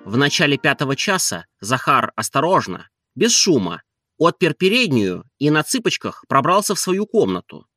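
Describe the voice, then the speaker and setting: A man reading a novel as an expressive audiobook narrator. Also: fairly high pitch, moderate pace, no room sound, soft background music. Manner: expressive storytelling.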